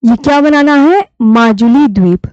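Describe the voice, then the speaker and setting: A woman teaching a live online class with a fairly high voice, patient and deliberate as she drills key terms. The sound is dry, close and a little dull, like lo-fi stream audio. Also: darkish tone, no room sound. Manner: patient, repeats key terms slowly for students.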